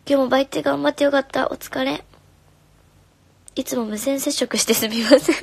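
A young woman, a singer, chatting casually on a live stream, reading comments in a soft, friendly way and sometimes whispering. Her voice is slightly hoarse. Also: sits high, steady tone, normal speed, dry recording. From Japan. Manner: soft and friendly, drops to whispers now and then. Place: home room. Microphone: phone.

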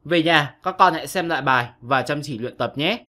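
Bright-voiced male teacher explaining. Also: a little high, fairly quick. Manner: patient, explains step by step to young pupils. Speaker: English teacher. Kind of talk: scripted online lesson narration.

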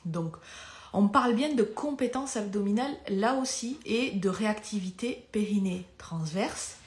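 A woman's voice: mid-range voice, lively intonation, measured pace, reverberant. A woman physiotherapist gives a live lesson on pelvic floor health. She talks conversationally, loses her thread and comes back to it, and moves around while she demonstrates.

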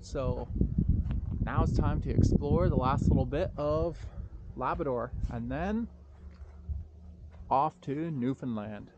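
A man in his thirties filming a casual road-trip vlog with an action camera, outdoors and inside his car, talking plainly and thinking out loud. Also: medium pitch, slow, long pauses, dull audio, background noise. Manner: relaxed, plain, thinks aloud with ums.

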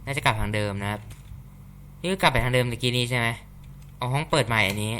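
A man's voice: mid-range voice, quick pace, pushed and bright, slight background noise. A man hosting a gaming channel, chatting casually and reacting aloud as he plays through a horror map. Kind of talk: casual game commentary.

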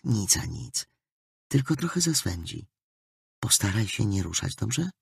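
A man voicing a gentle young female healer in an audiobook, speaking softly and quietly to soothe. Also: on the low side, very animated, unhurried, vocal fry, husky, no room sound, studio quality, exaggerated voice. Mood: soft, soothing. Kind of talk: audiobook character voice.

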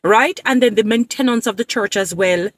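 This woman, also in her thirties, records direct-to-camera commentary from a parked car with her phone at arm's length. As a social media creator, she defends churches in a lecturing, emphatic tone, repeating herself to drive points home, at normal speed and slightly high pitch.

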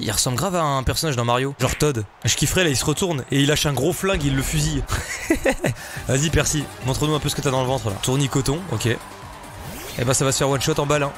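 Speaking in a mid-range voice, a man provides a gaming YouTuber's let's-play commentary. He's casual and playful, excitable and slangy, addressing the people watching head-on.

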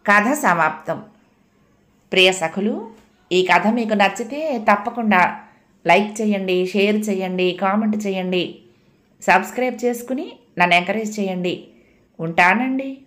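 Expressive woman storyteller. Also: medium pitch, measured pace, pauses often. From Andhra Pradesh. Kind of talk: storytelling narration.

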